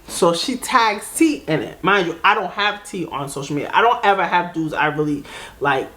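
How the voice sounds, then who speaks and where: A young woman casually telling a dating story to her vlog audience, chatty and animated, jumping into quoted voices. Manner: animated, acts out quoted voices with big pitch jumps; chatty, full of fillers like "like" and "blah, blah". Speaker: storytime vlogger.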